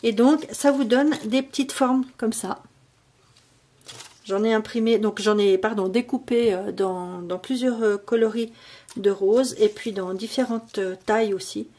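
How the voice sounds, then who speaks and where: A woman's voice: fairly high pitch, steady tone, a little slow, dark tone. A woman chatting casually at home while showing a craft, hesitant and full of fillers and restarts. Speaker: crafting vlogger. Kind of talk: casual vlog chat, crafting tutorial.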